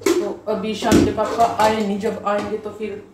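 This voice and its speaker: A woman's voice: medium pitch, completely flat delivery, normal speed. A woman, chatting homely and direct to viewers in a home vlog, recorded on a phone in her kitchen with a fan humming. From Haryana, India. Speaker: housewife vlogger. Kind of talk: casual home vlog chat. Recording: echoey room with fan hum. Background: ceiling fan noise.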